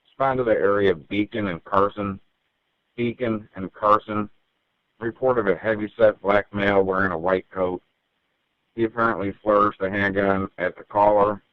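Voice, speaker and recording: A man's voice: lowish voice, fairly even intonation, normal speed, no room sound. A male police dispatcher heard over a police radio transmission, reading out units and addresses in clipped, methodical calls. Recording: narrow tinny radio channel, dry.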